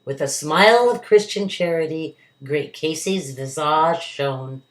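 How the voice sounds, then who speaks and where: A woman's voice: low voice, unhurried. A woman reading a verse story aloud to children with dramatic, emphatic delivery, recorded indoors at home. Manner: dramatic, emphatic delivery with acted character voices. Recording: roomy, echoey home recording.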